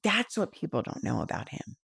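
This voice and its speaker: Low-voiced woman telling her story animatedly. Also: fairly quick, creaky, slightly rough. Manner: animated and emotional, with frequent laughter and "you know". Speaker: guest. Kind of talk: personal storytelling in a podcast interview.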